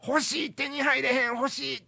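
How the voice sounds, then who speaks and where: A middle-aged man with a Kansai accent, co-hosting a casual radio chat with quick, laughing banter. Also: very high-pitched, flat delivery, vocal fry, sharp tone, no echo, studio quality. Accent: Kansai Japanese. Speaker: co-host.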